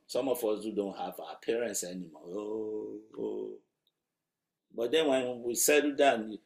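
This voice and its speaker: A man's voice: on the low side, a little mellow. A man preaching a sermon in a conversational, emphatic way, asking rhetorical questions. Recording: roomy echo.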